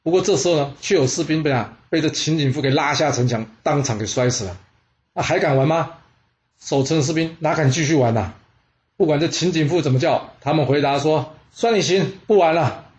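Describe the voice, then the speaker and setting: A man's voice: fairly high pitch, a little fast, darkish tone, highs cut off. A man telling a historical war story dramatically, with exclamations and rhetorical questions.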